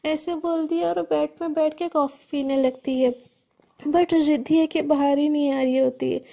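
A woman's voice: high-pitched, fairly even intonation, moderate pace, vocal fry, mellow. A woman telling a serialized love story in a conversational, intimate way.

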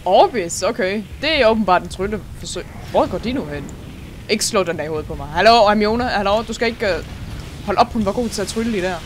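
Excitable young let's-play host, mid pitch. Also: slight background noise. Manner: excitable, laughs often, sprinkles English words into speech. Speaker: gaming channel host.

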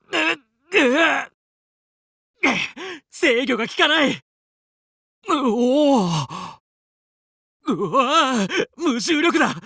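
A man's voice: very high voice, pushed and bright, dry recording, clean studio sound, heavily acted. A male actor playing a confident, heroic young fox who leads a team of space pilots in a video game, with cool, resolute, clipped delivery. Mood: alarmed, straining. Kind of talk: Japanese video game battle voice lines.

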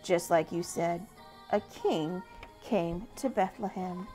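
A woman doing Ruthie, a gentle mama horse. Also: on the low side, slow pace, faint music behind. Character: calm, kindly mother horse.

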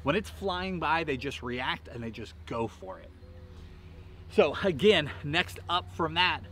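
Unhurried but animated, with a high, pushed and bright voice, a thirtysomething fishing host gives an energetic tackle lesson while seated at a lakeside park. He talks emphatically in rhythmic repeated bursts, and slight background noise and faint outdoor ambience sit behind him.

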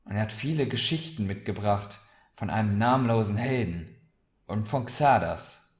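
Guy reading a smooth young trader guy, chatty and coaxing, roomy echo. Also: on the low side, moderate pace, lightly acted. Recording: roomy echoey recording.

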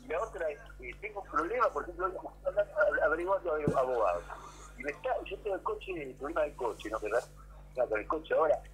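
A man's voice: a little high, expressive, quick pace, a bit bright, poor audio. A man calling in by phone, rambling hesitantly and offering blessings. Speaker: caller. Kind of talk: phone call-in chat.

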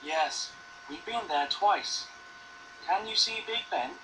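A man voicing a lively, friendly schoolboy. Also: high voice, takes it slowly, background noise. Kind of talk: textbook dialogue recording.

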